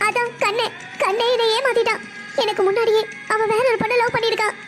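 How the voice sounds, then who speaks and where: A woman voices a heartbroken seventeen-year-old girl in a family cartoon, tearfully complaining. Her very high voice comes out fast and flat, heard over music.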